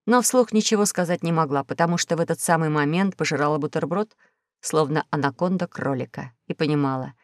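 Woman reading a kids audiobook, lively, dry close mic. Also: low-pitched, dry recording. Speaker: audiobook reader. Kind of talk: scripted narration.

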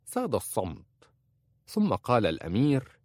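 A man narrating an audiobook in an expressive reading. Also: medium pitch, normal speed, no echo, studio quality.

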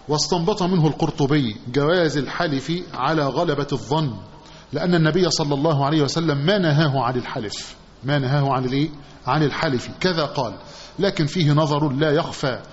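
Fast-talking Egyptian religious teacher. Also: male voice, fairly high pitch. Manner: asks the class questions, repeating phrases with a drawn-out "what?". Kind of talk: hadith commentary lesson. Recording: dull lo-fi recording with faint hiss.

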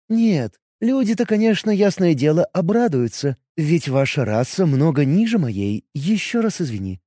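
A haughty young high-elf rogue woman from a fantasy audiobook, as a male reader puts her on, talking in a silky, condescending way that turns imperious. Her voice sits far above a man's own, swoops widely and stays mellow. The recording is close and dry. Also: no echo.

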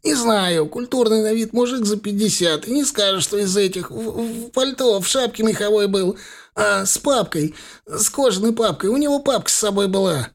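A man voicing a panicked bald thug who pleads in a high, squealing voice in an audiobook. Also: very slow, few pauses. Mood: pleading.

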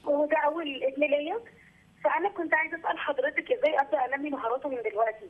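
A woman's voice: high voice, racing. A young mother with an Egyptian accent, calling in and politely asking questions over the phone. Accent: Egyptian Arabic. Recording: phone line.

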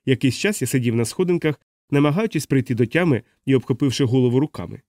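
A man reading a novel aloud as first-person audiobook narration, in a steady, measured way. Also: mid-range voice, dry recording, clean studio sound. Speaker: audiobook reader.

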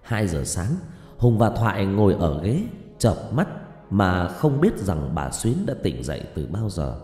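A man's voice: low voice, measured pace. Man narrating a suspense story, echoey. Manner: suspenseful, expressive reading. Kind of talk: audiobook storytelling. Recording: echoey room with long reverb and faint music.

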